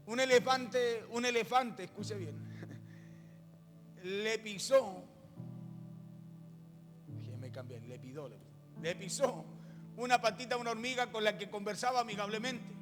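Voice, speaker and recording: A man's voice: high voice, lively intonation, moderate pace, fairly bright tone. A male pastor telling a fable in his sermon, often speaking straight to his listeners. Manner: storytelling, addressing the congregation directly. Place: church. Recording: echoey hall with music.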